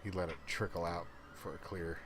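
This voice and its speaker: Lower male co-host, dry quips, light hiss behind the voice. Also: level tone, fairly bright tone. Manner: quick, wry remarks, jokes with viewers. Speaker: co-host of a fan game-watch stream. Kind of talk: casual live game chat.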